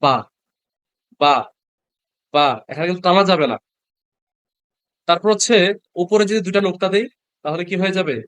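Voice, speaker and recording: A man with a high-pitched voice leads an online Quran reading lesson by video call, talking fast but pausing often. He patiently pronounces every Arabic letter and repeats it for his students, with no echo on the audio.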